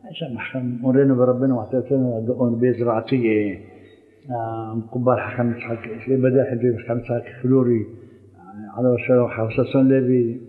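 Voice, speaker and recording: A man's voice: medium pitch, little pitch movement. An older man, a rabbi, telling a story in a rambling, anecdotal way with many hesitations. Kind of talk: storytelling lecture. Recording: echoey hall over a tinny phone-like line.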